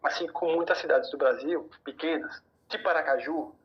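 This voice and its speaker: A man from Brazil tells a story in a relaxed podcast chat, voicing the other people's lines as he goes. He speeds through some bursts and slows down for others. The audio is somewhat dull and lo-fi. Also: a little high. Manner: animated, quotes dialogue, rushes through bursts. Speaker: podcast guest. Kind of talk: casual storytelling.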